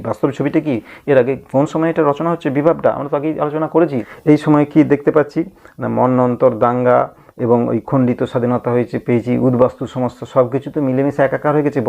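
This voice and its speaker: Gravelly-voiced man teaching over tinny audio. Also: mid-range voice, mellow. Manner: thinking aloud with frequent hums and restarts. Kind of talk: reading and explaining a play in a lesson.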